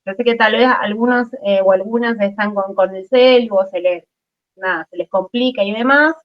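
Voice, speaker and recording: A woman's voice: mid-range voice, normal speed. A woman with an Argentine accent teaches an online chemistry class, chatty and informal. She checks in with her students often and pads her talk with fillers. The sound is dull and lo-fi over a video call. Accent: Argentine Spanish.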